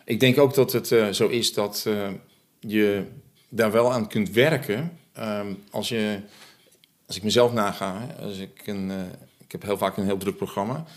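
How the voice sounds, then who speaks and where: A man talking in a reflective, hesitant way about faith in a casual conversation, with many pauses and fillers. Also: fairly low pitch, steady tone.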